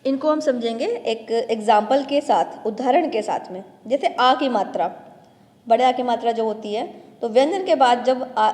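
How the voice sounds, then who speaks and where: A woman's voice: a little high, a little mellow, in a large hall. Patient woman teacher spelling out syllables. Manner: spells out syllables slowly, stretching long vowels; addresses children directly, patient explaining tone. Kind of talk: grade-one grammar lesson.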